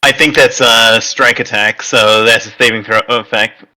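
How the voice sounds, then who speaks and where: Bright-voiced man running a tabletop game. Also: lowish voice, poor audio. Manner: relaxed, halting, with silly put-on enemy voices. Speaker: game master.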